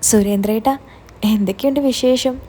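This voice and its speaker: A woman's voice: on the high side, a little fast, dark tone, lightly acted. A woman voicing a blunt, teasing young man who is the hero's old college friend.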